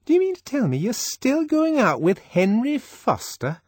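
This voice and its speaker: A man's voice: mid-range voice, wildly swooping pitch, measured pace, darkish tone, husky, no room sound, clean studio sound, pitched above the performer's own voice, full character voice. A man reading an audiobook voices a prim, disapproving young woman who scolds her friend with fussy, mock-shocked emphasis. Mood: chiding. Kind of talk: audiobook character voice.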